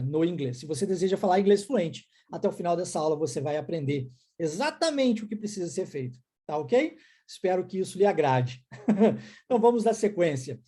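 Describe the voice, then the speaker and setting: Male online tutor, Brazilian accent, mellow tone, repeats words slowly, lively. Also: high-pitched. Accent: Brazilian Portuguese. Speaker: English teacher. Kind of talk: online language lesson.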